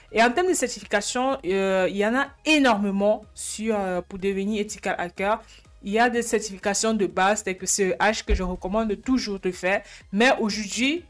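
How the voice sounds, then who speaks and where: Woman host giving an informal explainer. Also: mid-range voice. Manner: asks questions then answers them herself. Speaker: YouTube channel host.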